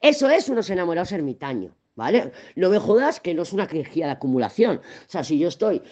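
A woman's voice: fairly low pitch, big pitch swings, quick pace, darkish tone, lo-fi sound. A woman with a Spain Spanish accent giving a casual tarot reading, chatty and rambling, swearing freely as she talks. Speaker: tarot and astrology reader.

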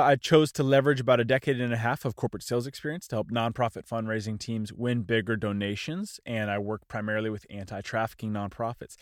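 A man in his thirties hosts his own casual solo podcast, speaking loosely and self-deprecatingly in one unscripted take. His mid-range voice sounds a little congested and nasal. The studio sound is clean, with no room sound.

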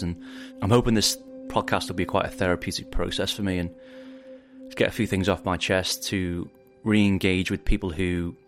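Deep-voiced Liverpool man narrating a podcast. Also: gravelly. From England. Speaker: podcast host, film director.

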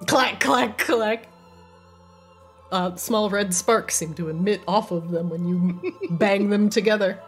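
A woman's voice: lowish voice, steady tone, a little slow, soft background music. A woman running a tabletop role-playing game as game master, narrating scenes to her players.

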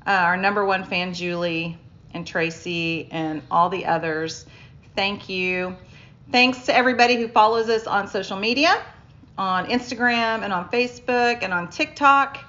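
A woman's voice: mid-range voice, normal speed, pushed and bright, lo-fi sound. A middle-aged woman co-hosting a podcast in casual chat, laughing often, recorded on a phone. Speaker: podcast co-host.

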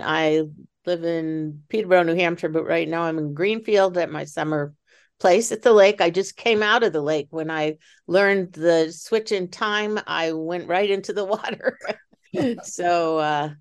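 A woman's voice: lowish voice, a little slow, clean tone. A woman in her eighties giving a chatty, cheerful introduction on a video call. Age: 80s. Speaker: panel guest.

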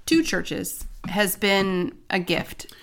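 A woman's voice: medium pitch, animated, extremely slow, a bit bright. A woman, a pastor, co-hosting a casual podcast chat with her husband, speaking candidly and laughing easily.

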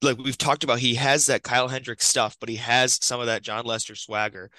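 Young male podcast co-host, bright morning voice, dry close mic, keeps the chat moving. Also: medium pitch, level tone, a little fast, no echo, low-quality recording. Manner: upbeat, steers the talk. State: just woken up, morning voice. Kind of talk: casual sports podcast chat.

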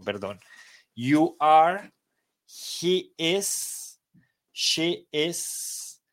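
Slow, patient male English teacher. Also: medium pitch. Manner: slow, patient explanations mixing Spanish and English. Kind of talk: live online English class.

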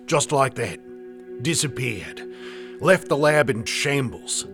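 A man's voice: mid-range voice, expressive, slow, music in the background. An actor playing a brash, cheerful Australian bushman guide with a slangy, matter-of-fact way of talking.

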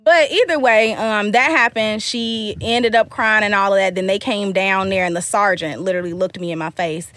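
A woman tells a long story in relaxed podcast chat, slipping into the voices of the people she quotes. Her voice sits at a middle pitch and is recorded close, with almost no room sound. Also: normal speed, few pauses, no echo. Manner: animated storyteller, acts out quotes, laughs often. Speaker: guest telling a story.

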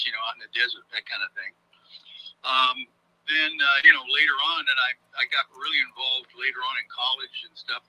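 An older man comes through a speakerphone, his voice very bright and sharp. He talks casually in an interview, halting often with ums and uhs. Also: mid-range voice, low-quality recording. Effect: heard over a speakerphone. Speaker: guest.

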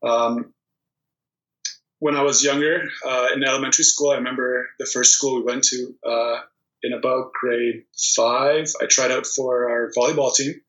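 A man in his thirties, originally from Poland, speaks in a mid-range voice at normal speed as a guest on an interview. A volleyball player, he tells stories in a relaxed, casual way with many ums and restarts, over a dull, echoey remote recording.

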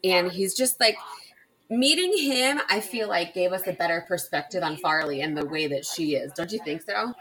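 Chatty woman on a book podcast, lowish voice, laughs a lot while recapping the plot. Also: animated, normal speed, a bit bright, rough recording. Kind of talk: casual book discussion.

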